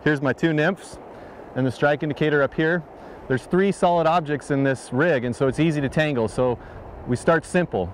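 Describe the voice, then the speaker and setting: A man narrating a fly fishing lesson in a calm, explanatory manner. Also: on the high side, normal speed, slight background noise. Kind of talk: instructional voice-over narration.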